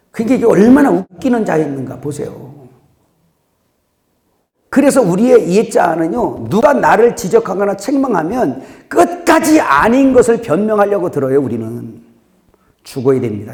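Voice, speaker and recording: Gravelly-voiced man preaching in an echoey hall. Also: a little high. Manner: animated preaching, sudden loud rises and quiet drops, laughs at own jokes. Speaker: pastor. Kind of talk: sermon.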